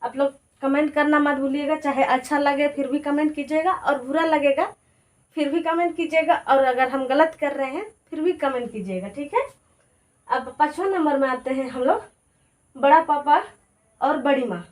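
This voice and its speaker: A woman teaching a language lesson in a casual, chatty way, repeating each word pair slowly to drill it. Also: high voice.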